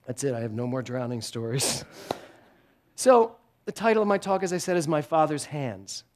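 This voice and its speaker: Animated, laughing man giving a sermon. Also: fairly high pitch, normal speed. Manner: animated storytelling with frequent laughter; conversational and self-deprecating. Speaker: guest speaker at a spiritual center.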